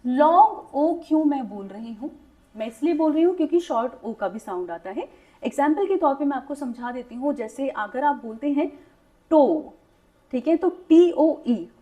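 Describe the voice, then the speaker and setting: A woman's voice: high-pitched, a little mellow, poor audio. A young woman teaching a shorthand lesson step by step, mixing Hindi with English terms and checking in with "ठीक है" after each point. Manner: patient, repeats "ठीक है" to check understanding. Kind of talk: step-by-step tutorial.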